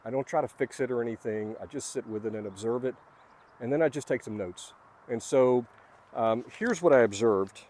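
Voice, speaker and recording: A man's voice: medium pitch, normal speed, darkish tone. A man talking casually from his notes about personal spiritual lessons, earnest and rambling, with fillers and restarts. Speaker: vlogger sharing spiritual lessons. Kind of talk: casual reflective monologue from notes.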